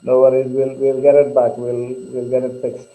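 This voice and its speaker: A man talking on a video call through his laptop's webcam microphone, hesitant and filling pauses as he hosts the meeting. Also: medium pitch, completely flat delivery, dark tone, low-quality recording. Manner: hesitant, with many fillers. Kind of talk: casual video-call chat.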